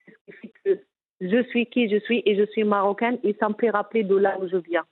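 A woman's voice: mid-range voice, fairly even intonation, a little fast, slightly rough. A middle-aged woman speaks French with a strong Moroccan accent, earnest and insistent, often stumbling and restarting as she presses her point. Her voice comes through a narrow, phone-like band. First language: Moroccan Arabic. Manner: earnest, emphatic, frequent restarts. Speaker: interviewee, businesswoman. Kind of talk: candid personal interview.

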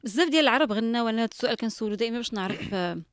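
A female interviewer with a Moroccan accent asking probing questions with quick follow-ups. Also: on the high side, expressive, dry recording, clean studio sound.

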